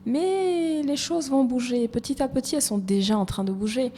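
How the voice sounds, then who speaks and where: A woman's voice: high voice, normal speed, warm tone. Woman, podcast guest, reflective, repeats herself while searching for words; roomy reverb. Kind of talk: conversational interview. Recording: reverberant room with faint noise.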